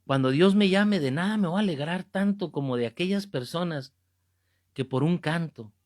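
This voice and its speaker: A man in his fifties preaches through a Bible class with fervour, hammering home his points by repeating them. His voice sits a little high for a man. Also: expressive, moderate pace, darkish tone. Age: 50s. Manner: fervent, emphatic, repeats key phrases.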